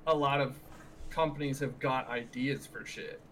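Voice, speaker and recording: A man's voice: medium pitch, fairly even intonation, normal speed, a bit bright, a little hiss or hum. A young American man bantering casually as a podcast co-host, talking like a frat bro with plenty of slang and swearing.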